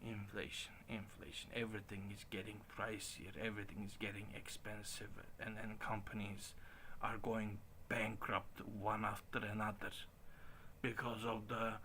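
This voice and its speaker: A man in his late forties talking casually in a halting way, with frequent restarts and chuckles. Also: fairly low pitch, a bit bright, a little hiss or hum. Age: 40s. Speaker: stream host. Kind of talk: casual rambling monologue.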